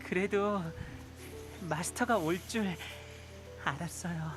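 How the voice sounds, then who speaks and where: A man voicing a sick, clingy young man in a game, talking softly and weakly. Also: fairly high pitch, racing, over music, lightly acted. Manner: soft, weak, mumbling. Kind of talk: game voice acting.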